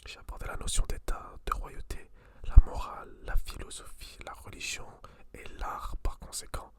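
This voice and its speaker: A person whispering in a hushed library whisper, chatting casually about books and reading aloud in an intimate ASMR style. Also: moderate pace. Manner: informal, slangy. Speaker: host reviewing books.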